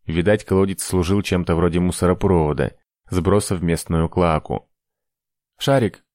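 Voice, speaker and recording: Deep-voiced male audiobook narrator. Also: fairly even intonation, normal speed, darkish tone, no room sound, studio quality. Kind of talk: scripted narration.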